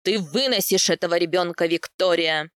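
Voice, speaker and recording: A woman's voice: fairly low pitch, normal speed, dry recording, clean studio sound, pitched below the performer's own voice, natural voice. Woman doing a fierce steppe warrior man. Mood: menacing. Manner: growling, menacing, loud. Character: furious male steppe warrior, domineering and fierce. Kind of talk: audiobook character voice.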